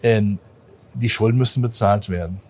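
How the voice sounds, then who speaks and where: A man as a market analyst guest in an interview, talking in an animated, emphatic way with many fillers, recorded on a stock exchange trading floor. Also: on the low side, normal speed, breathy edge.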